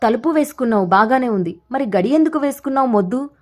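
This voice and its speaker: A woman doing a loud, high-pitched scolding young man. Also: animated, fast. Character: teasing playful young man, scolding an old friend.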